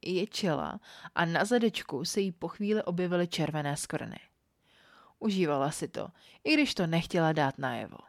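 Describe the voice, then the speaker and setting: A woman reading an erotic story aloud in a calm, even first-person storytelling manner. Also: fairly low pitch, creaky, dry recording, studio quality. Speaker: podcast storyteller.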